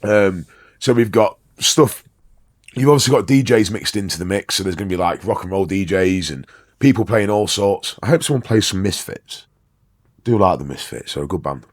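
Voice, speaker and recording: Low-voiced sweary podcast man. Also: expressive, normal speed, no echo, clean studio sound. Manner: rambling, sweary, full of ums and fillers. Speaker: podcast co-host. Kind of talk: casual podcast chat.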